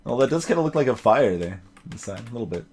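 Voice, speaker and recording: Here a man streams a video game at a fast clip, his medium-pitched voice very animated and a little mellow. He rambles through casual, dryly joking commentary and reads dialogue aloud, with clean audio free of background noise.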